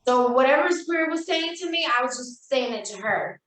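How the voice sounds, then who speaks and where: A woman's voice: high voice, lively intonation, a little fast, a bit bright. A woman co-hosting a podcast, telling a story in casual chat and acting out the quoted lines. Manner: storytelling, acts out quoted dialogue. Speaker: podcast co-host. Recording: echoey, distant from mic.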